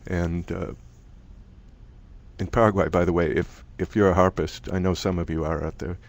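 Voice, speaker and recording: Man, middle-aged, low pitch; relaxed lecturer who talks off the cuff with restarts. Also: normal speed. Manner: conversational, thinks aloud with restarts. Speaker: presenter from a music archive. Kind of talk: online lecture presentation.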